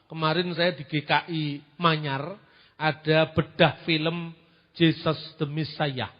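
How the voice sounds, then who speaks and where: A man preaches in an animated, questioning way, his voice sitting high. The recording is muffled and lo-fi, with a long reverb from the hall. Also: takes it slowly. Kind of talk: sermon-style teaching.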